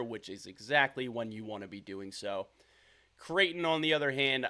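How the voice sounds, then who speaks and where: A man's voice: medium pitch, fairly bright tone. A young man hosting a solo sports podcast, giving confident, opinionated commentary and repeating his takes. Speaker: podcast host.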